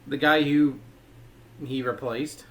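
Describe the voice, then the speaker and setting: A man's voice: medium pitch, steady tone, takes it slowly, fairly bright tone. A man giving a casual toy review, rambling and leaning on filler words.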